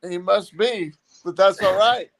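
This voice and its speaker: A man's voice: sits high, unhurried, gravelly, rough recording. A man from Texas trash-talking on a wrestling podcast, cocky and sarcastic. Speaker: wrestler, guest.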